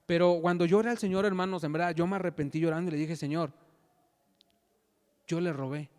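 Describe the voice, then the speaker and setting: Young male lay preacher, testimony sermon, halting repetitions, resonant tone, reverberant church hall. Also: high voice, fairly even intonation, darkish tone, clear, resonant tone. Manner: halting, repeats words, frequent "¿verdad?".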